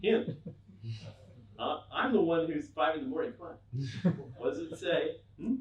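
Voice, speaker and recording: A man's voice: a little high, animated, moderate pace, highs cut off, slight background noise. A middle-aged man giving a humorous technical talk to an audience, acting out mock dialogues with a wry touch. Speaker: conference speaker. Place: event room with an audience. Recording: echoey room, mic at a distance.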